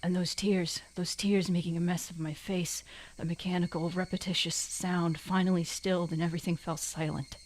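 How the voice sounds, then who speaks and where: A woman's voice: fairly low pitch, level tone, moderate pace, hardly any pauses, a little hiss or hum, close to an everyday voice, poor audio. A woman voicing an anguished teenage anime boy, reading visual novel narration dramatically in an anime boy voice. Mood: anguished, brooding.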